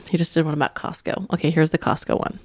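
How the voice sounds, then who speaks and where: A woman's voice: low-pitched, fairly even intonation, fast, a little mellow, no echo, studio quality. A woman chatting casually as a podcast co-host, giggly and filling her talk with "like" and "um". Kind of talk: casual chat.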